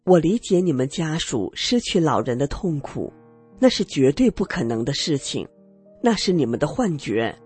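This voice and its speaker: A woman voicing a calm, dismissive male hospital doctor in a dramatized radio story. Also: deep voice, moderate pace, husky, soft background music, exaggerated voice.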